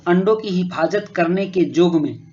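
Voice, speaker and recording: A male teacher patiently explaining a school worksheet to children, often pausing with fillers and rephrasing. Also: high voice, darkish tone, a little hiss or hum. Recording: muffled lo-fi recording.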